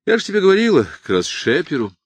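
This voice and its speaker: A drowsy, teasing young woman drawls through the scene, voiced by a male audiobook narrator. The voice sits well above his usual pitch and moves in lively swoops. It is recorded dry and close. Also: fast, slightly rough, no echo, full character voice. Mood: lazy teasing. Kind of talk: audiobook character voice.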